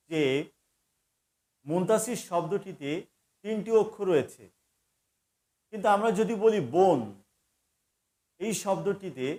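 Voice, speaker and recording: A man giving a grammar lesson, stating each rule deliberately and repeating it. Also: high-pitched, a little mellow. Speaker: grammar teacher.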